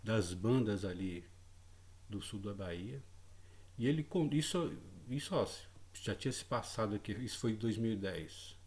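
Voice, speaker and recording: A man's voice: on the low side, expressive, moderate pace, a little mellow. A man telling a personal story in a casual spoken way, hesitant, repeating words and often adding tag questions. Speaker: channel host.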